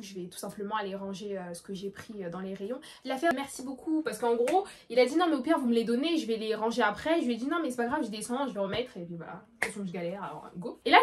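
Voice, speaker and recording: A teenage girl vlogger with a high, bright-pitched voice tells a storytime. She retells everything dramatically and breaks into loud outbursts. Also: slight background noise. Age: late teens. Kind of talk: storytime vlog.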